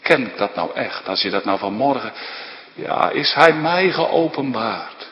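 A man's voice: medium pitch, animated, measured pace, highs cut off. A man preaching a sermon as pastor, pleading and impassioned, often repeating little tag words. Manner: pleading, impassioned preaching with many filler tags. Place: church. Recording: long church reverb.

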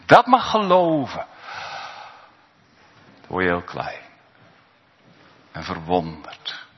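A man preaching a sermon in earnest, rising to high cries and then dropping to hushed tones. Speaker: pastor. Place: church. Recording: dull lo-fi church recording with long reverb.

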